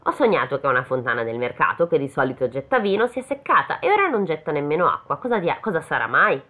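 A woman's voice: very animated, quick pace. A woman voicing the devil's fussy, bossy old grandmother in a read-aloud fairy tale. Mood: wheedling. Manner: high, fussy scolding. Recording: phone-like narrow sound.

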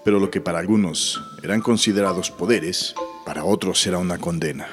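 Man playing a deep-voiced, solemn authority figure. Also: brisk, over loud music, natural voice. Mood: ominous. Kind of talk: dramatic scripted delivery.

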